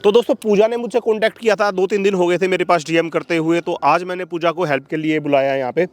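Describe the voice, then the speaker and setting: High-voiced, blunt man hosting. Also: steady tone, quick pace, no room sound. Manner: blunt, scolding, confrontational. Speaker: host. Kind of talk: staged help vlog.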